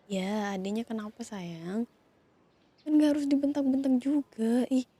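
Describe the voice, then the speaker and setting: A woman in a whispered role-play, calmly scolding and soothing two siblings who have been fighting. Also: a little high, unhurried, breathy edge, dry recording. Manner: scolding yet soothing, questioning. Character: woman calming partner and his younger sibling fighting. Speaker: ASMR roleplay creator.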